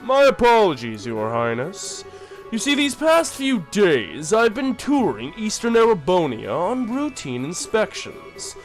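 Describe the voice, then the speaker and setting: A man voicing a calculating middle-aged imperial chancellor who speaks in a measured, formal way. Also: high voice, huge pitch swings, soft background music, exaggerated voice, rough recording. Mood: smooth formal.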